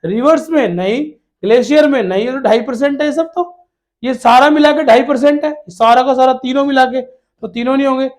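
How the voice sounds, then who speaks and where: Man, very high voice, teacher, exam coaching for kids, answers his own questions, repeats key words, fatherly. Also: fairly quick. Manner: calls students "beta" in a fatherly way. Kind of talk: exam-prep lesson for children.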